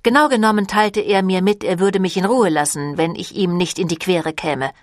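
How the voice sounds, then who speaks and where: A woman's voice: on the low side, moderate pace, no room sound, natural voice. Woman reader as a defensive young vampire man who just wants a normal life, dry close sound. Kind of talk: audiobook reading.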